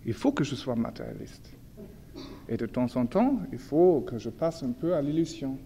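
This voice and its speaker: A man with a German accent, a native German speaker, gives an informal illustrated lecture in French, halting as he searches for words and corrects himself. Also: medium pitch, very animated, mellow. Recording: echoey hall with long reverb, background noise.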